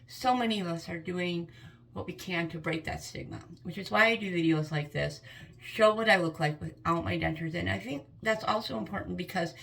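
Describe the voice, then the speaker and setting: A woman's voice: lowish voice, moderate pace, vocal fry, fairly bright tone, rough recording. A woman in her fifties speaking candidly and earnestly to camera in a personal vlog. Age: 50s. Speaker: vlogger.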